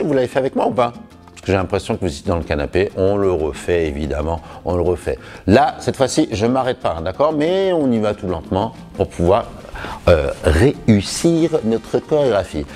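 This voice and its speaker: A man teaching a salsa routine at home, counting the steps aloud and encouraging viewers. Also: mid-range voice. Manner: lively, encouraging, counts beats with sung emphasis.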